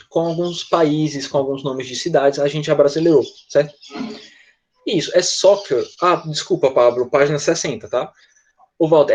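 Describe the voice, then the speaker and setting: A man with a Brazilian Portuguese accent teaching English in an online class, chatty and joking, slowing down to model English phrases. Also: a little high, a little mellow, highs cut off.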